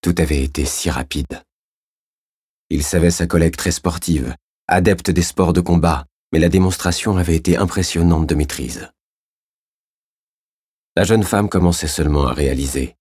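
Deep, husky male narrator. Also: a little mellow, dry recording, studio quality. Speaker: audiobook narrator. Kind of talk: scripted narration.

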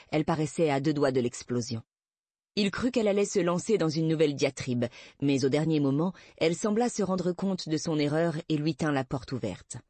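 Low, measured female audiobook narrator, recorded dry and close. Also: a little mellow, no room sound. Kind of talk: scripted narration.

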